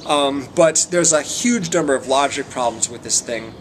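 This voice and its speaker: A man's voice: mid-range voice, moderate pace. A man giving a casual, rambling film review in a hesitant, meandering way, often trailing off mid-thought. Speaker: amateur movie reviewer. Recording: noticeable background noise.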